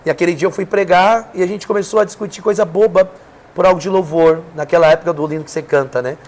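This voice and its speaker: Fast-talking Brazilian preacher man. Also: high-pitched, fairly even intonation, a little mellow. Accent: Brazilian Portuguese. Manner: earnest storytelling, emphatic with rising intensity. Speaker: preacher, podcast guest. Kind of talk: emotional personal testimony.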